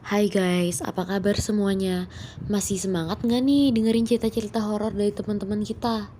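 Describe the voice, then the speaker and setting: A woman's voice: mid-range voice, fairly even intonation, brisk, warm tone, a little hiss or hum. A woman with a speech impediment on her R sounds tells horror stories as a chatty channel host, mixing in English words. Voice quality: cannot roll her R sounds, a lisp-like R. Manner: chatty, addresses listeners as guys, English words mixed in. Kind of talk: casual scripted-feel horror storytelling. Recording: voice over background music. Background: music.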